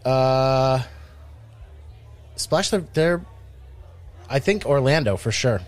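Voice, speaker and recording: A man's voice: medium pitch, expressive, slow. Rambling man from Rhode Island. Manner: rambling, many fillers and restarts. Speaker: podcast co-host. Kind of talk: casual chat.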